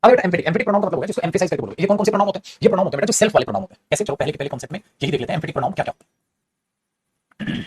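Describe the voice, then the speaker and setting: A man teaching English grammar in a rapid, chatty classroom style. His voice sits a little high and is very husky, and he keeps addressing his students fondly. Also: lively intonation. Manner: fast, chatty, calls students "beta". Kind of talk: classroom grammar lesson in Hindi.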